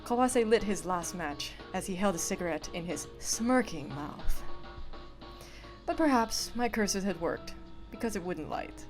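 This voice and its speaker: A woman streamer reading visual novel narration aloud in an expressive, playful way. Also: medium pitch, a little slow, soft background music. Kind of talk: reading narration with casual asides.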